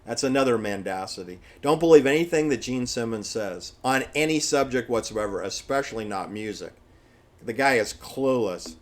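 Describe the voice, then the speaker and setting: A man's voice: medium pitch, lively intonation, normal speed. Blunt, emphatic American man talking off the cuff. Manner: emphatic, repeats phrases for stress; dismissive, blunt assertions. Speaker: solo commentator. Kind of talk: opinionated off-the-cuff monologue.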